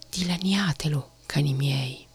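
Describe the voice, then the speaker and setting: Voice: medium pitch, unhurried, slightly rough, soft background music. A whispering narrator voicing a commanding male devil in a whispered role-play. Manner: whispered orders.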